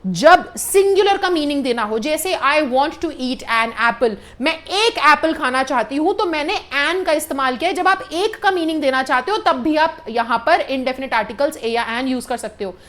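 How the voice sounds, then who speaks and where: High-voiced Indian teacher woman. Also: lively intonation, a bit bright. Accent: Indian English. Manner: explains patiently, repeating points, often checking with the students; reads English example sentences slowly and deliberately. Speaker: English grammar teacher. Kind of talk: classroom grammar lesson.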